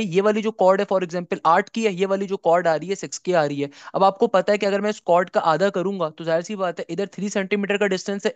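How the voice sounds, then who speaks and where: A man's voice: sits high, no room sound. A young man, tutoring for an entrance exam, walking through each step and answering his own questions. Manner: explains step by step, asks and answers his own questions, calls students son. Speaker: math tutor. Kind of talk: exam-prep math lecture.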